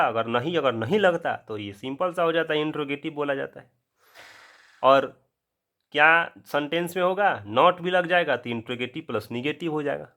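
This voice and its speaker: A man with a Bihari accent giving an English grammar lesson in casual classroom style. He asks the viewer a question, answers it himself, and slows down to spell things out. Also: fairly high pitch, fairly bright tone. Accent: Bihari Hindi. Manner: drawn-out, spelled-out explanations. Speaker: English teacher.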